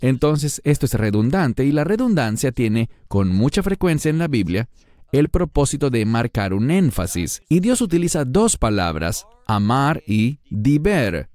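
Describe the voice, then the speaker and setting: A man teaching a Bible study lesson, explaining a passage verse by verse, slowing down on key words and putting questions to the listener. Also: mid-range voice, very animated, mellow, dry recording, clean studio sound.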